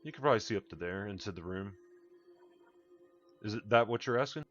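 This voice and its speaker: A man's voice: fairly low pitch, expressive, a little fast, a bit bright. A man acting as game master, narrating and refereeing a tabletop game in a casual, conversational way. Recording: muffled lo-fi audio with background music. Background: background music.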